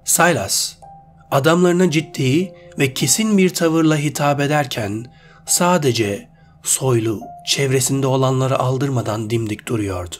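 Man reading a story over soft music. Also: mid-range voice, measured pace. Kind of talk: reading a short story aloud.

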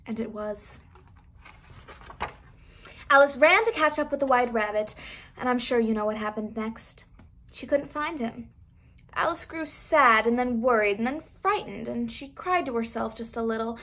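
Woman, children's storybook read-aloud, expressive, high pitch, bright tone. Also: a little slow. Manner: expressive, with sound effects. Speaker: storybook reader.

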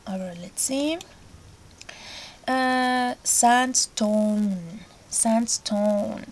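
A woman's voice: mid-range voice, darkish tone. A woman teaching an English lesson to children, explaining each step patiently. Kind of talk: recorded remote lesson.

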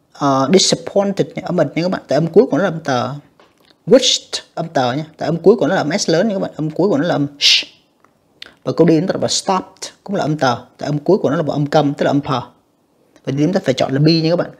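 A teacher, patiently explaining an English exam step by step and saying the English words slowly and carefully. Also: mid-range voice, a little mellow, husky. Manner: patient, repetitive explaining with frequent tag particles. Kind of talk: exam review lesson.

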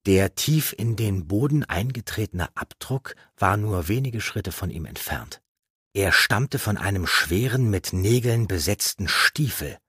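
A man narrating a fantasy audiobook in a measured, dramatic reading. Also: lowish voice, lively intonation, fairly bright tone, husky, dry recording, clean studio sound.

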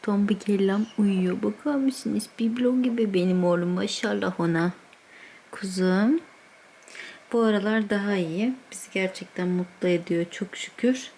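A woman vlogging casually at home, speaking softly and gently while her child sleeps nearby. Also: mid-range voice, unhurried, a little hiss or hum. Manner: soft and hushed beside a sleeping child. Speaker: vlogger, mother. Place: indoors at home. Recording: echoey room, faint ambience.

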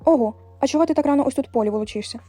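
A woman voicing a proud, scornful male hare in a storybook reading, fast and mellow. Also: high voice. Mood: mocking. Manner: scornful, laughing at others. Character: proud mocking male hare, haughty young dandy.

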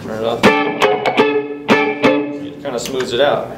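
A man's voice: mid-range voice, fairly even intonation. Middle-aged guy demoing guitar pedals in a store, roomy far-off sound with guitar in the back. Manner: casual and explanatory, pausing to play examples. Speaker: guitar clinic presenter. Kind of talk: live demonstration talk. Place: music store floor. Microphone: handheld microphone. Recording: roomy live sound from a distance. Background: guitar playing.

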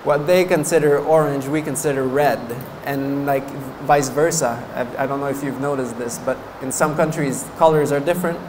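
Seated in front of a banner in a meditation hall, a man in his thirties speaks into a stand mic, moving his hands as he talks. He is a French-speaking Canadian Buddhist monk giving a casual dharma talk to a meditation course, with frequent laughter among his fillers. His mid-range voice holds a steady tone at a moderate pace with hardly any pauses, over a noisy background.

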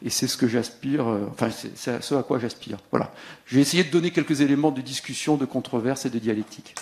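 A man speaking on a panel, closing his remarks in a measured, reflective way with occasional fillers. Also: medium pitch. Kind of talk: panel debate speech.

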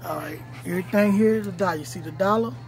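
High-voiced man filming a store walkthrough. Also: fast talker, faint music behind. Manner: repetitive, pointing out prices to viewers. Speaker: vlogger. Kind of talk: casual shopping walkthrough. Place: large store aisle indoors. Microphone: phone held at arm's length. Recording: noisy store ambience.

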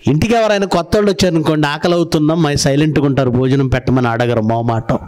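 A man's voice: a little high, fast talker, a little mellow. A man preaching a sermon, telling stories and asking his listeners rhetorical questions. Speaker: pastor.

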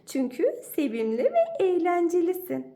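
A woman voicing a cheerful, excited little rabbit in a storybook. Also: very high voice, moderate pace, pitched above the performer's own voice, exaggerated voice.

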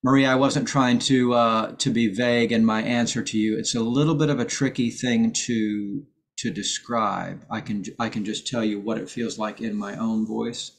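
A man's voice: on the low side, fairly even intonation, moderate pace. A man leading a choir's voice lesson over a video call, explaining technique patiently and stopping to sing examples. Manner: patient, explanatory, with sung demonstrations. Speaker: choir director and voice teacher. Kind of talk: online rehearsal vocal instruction.

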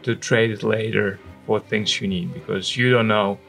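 Low, creaky Russian-accented man. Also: steady tone, normal speed, a bit bright, faint music behind. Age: 40s. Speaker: interview guest, missionary. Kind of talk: conversational personal recollection. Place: indoor studio. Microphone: microphone on a stand, close.

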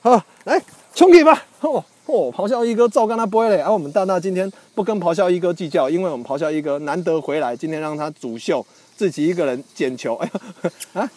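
A man doing playful livestream commentary outdoors, hyping his dogs like a mock announcer with loud whoops and laughter. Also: fairly high pitch, quick pace, no echo. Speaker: host of a pet livestream. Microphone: handheld phone on a stabilizer.

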